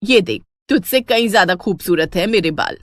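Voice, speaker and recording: Woman putting on a bossy jealous cartoon mother-in-law, lower and scolding. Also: lively intonation, moderate pace, a bit bright, no echo. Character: fierce jealous middle-aged mother-in-law.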